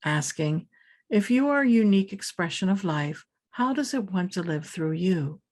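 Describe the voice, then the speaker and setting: A woman guides a scripted meditation in a fairly low-pitched voice, acting as the teacher. Her delivery is measured, calm, and soothing, punctuated by pauses between phrases.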